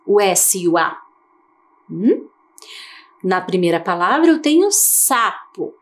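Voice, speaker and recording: A woman teacher from Brazil giving a televised lesson to young children, slow and coaxing, asking many questions. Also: mid-range voice, sing-song. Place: TV studio.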